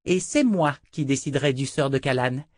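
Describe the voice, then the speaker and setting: A man voicing a spoiled, cruel little girl princess who taunts and gloats in a raised, girlish pitch, read in a dry, close recording. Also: moderate pace, no room sound, lightly acted. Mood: gloating.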